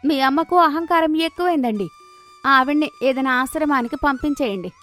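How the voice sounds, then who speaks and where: A woman playing a shrill indignant young wife. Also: a little fast, a bit bright, faint music behind. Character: young wife, proud and sharp-tongued.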